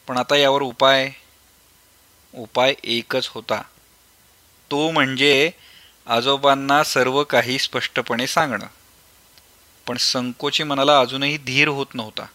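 Male audiobook narrator, measured and reflective, bright, dry. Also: medium pitch, no room sound. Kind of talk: scripted storybook narration.

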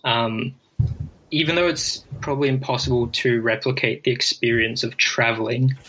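Podcast guest: young man, reflective and halting in casual conversation. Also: mid-range voice, fairly even intonation, a bit bright, rough recording. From Brisbane, Australia. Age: 20s. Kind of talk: casual interview chat.

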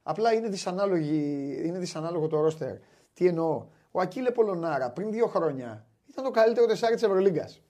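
A man hosting a basketball talk show, chatting animatedly and wryly, often restarting his sentences. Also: high voice. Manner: animated, wry, many restarts. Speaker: sports show host. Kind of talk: casual basketball chat.

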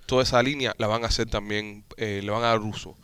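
A man's voice: lowish voice, fairly even intonation, quick pace, a bit bright, clear, resonant tone. A man hosting a casual podcast chat, talking loosely with profanity and frequent restarts. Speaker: podcast host. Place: Miami area.

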